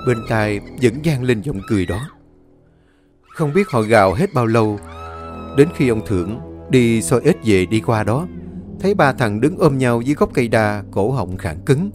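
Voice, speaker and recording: A man narrating a ghost story in a lively, plain-spoken way. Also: mid-range voice.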